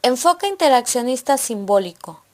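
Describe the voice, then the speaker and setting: A woman narrating a scripted educational lesson, reading points aloud in a steady, listing manner. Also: a little high, normal speed. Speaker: presenter of an educational video.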